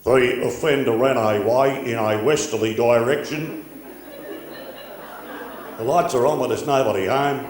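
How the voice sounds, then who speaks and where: A man's voice: mid-range voice, slight background noise, voice pushed down, natural voice. A man doing a droning officious Aussie cop. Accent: Australian. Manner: slow, clipped, monotone police-speak. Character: flat officious male traffic cop. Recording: echoey hall with faint ambience.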